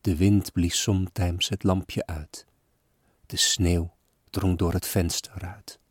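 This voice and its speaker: A man giving a solemn, expressive recitation of an old-fashioned story poem. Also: low-pitched, slow, husky, no room sound, studio quality. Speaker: reader. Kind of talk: dramatic poetry recitation.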